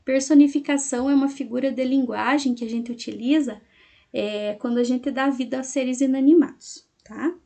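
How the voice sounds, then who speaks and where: A woman teacher explaining a lesson to her class slowly, syllable by syllable, and checking in often with her students. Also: high-pitched, fairly even intonation, gravelly, mellow.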